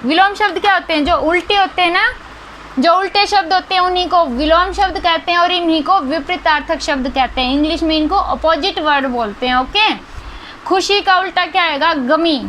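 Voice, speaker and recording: A young woman teaches a school lesson in a very high, bright voice. She explains patiently and keeps checking in with her listeners. A faint hiss sits under the close recording. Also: rough recording. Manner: patient, repeats key words with frequent "ठीक है" and "है ना".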